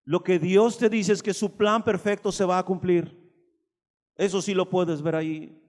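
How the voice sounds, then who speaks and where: Male preacher with a very high voice, emphatic and direct with the congregation, recorded in a reverberant hall. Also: steady tone, unhurried, darkish tone. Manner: emphatic, addresses listeners directly with rhetorical questions. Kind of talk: sermon.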